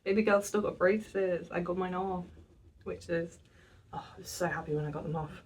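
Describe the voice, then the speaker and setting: A nineteen-year-old woman, chatting casually in a vlog, self-mocking and quick to laugh. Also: fairly low pitch, far from the mic. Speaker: vlogger.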